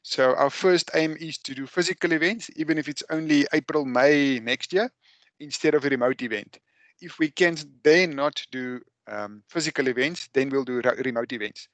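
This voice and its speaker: A man's voice: a little high, normal speed, a bit bright, no echo. A man with a South African accent hosting an online webinar over a video call, talking with many fillers and restarts. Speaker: webinar host.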